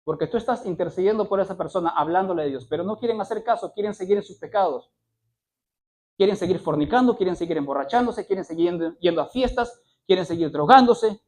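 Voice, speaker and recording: A man with a high-pitched, darkish voice preaches a sermon, driving his point home with repeated phrases and rhetorical questions. He corrects himself mid-sentence at times.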